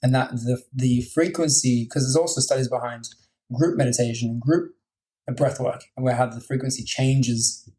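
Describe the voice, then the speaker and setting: A man's voice: medium pitch, fairly even intonation, moderate pace, warm tone, rough recording. A man hosting a podcast, chatting enthusiastically and filling his sentences with "like". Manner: enthusiastic, many fillers like "like". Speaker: podcast host. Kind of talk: casual podcast conversation.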